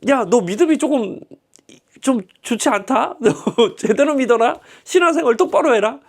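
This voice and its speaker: A man's voice: extremely high pitch, animated, moderate pace, pitched above the performer's own voice, heavily acted. A man voicing Jesus as a blunt, scolding man who gives curt, bossy rebukes.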